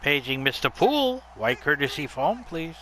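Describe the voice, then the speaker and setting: A gamer slips into a soft, deadpan imitation of a hotel lobby paging announcement. His voice is high and sharply bright, with a lively lilt even in the hushed page. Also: normal speed. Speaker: video game player.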